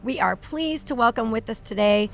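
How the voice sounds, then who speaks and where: A woman's voice: on the high side, animated, normal speed, creaky, soft background music. A woman hosting a community podcast, chatty and upbeat, interviewing guests and reading sponsor messages. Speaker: podcast host. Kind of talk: casual podcast interview and read sponsor spot.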